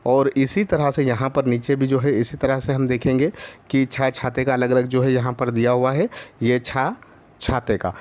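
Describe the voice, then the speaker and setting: A man's voice: mid-range voice, level tone, a little mellow. Patient male teacher sounding out syllables. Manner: patient, repetitive, spells out each syllable; frequent drawn-out filler pauses. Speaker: primary school teacher. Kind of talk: online Hindi lesson for young children.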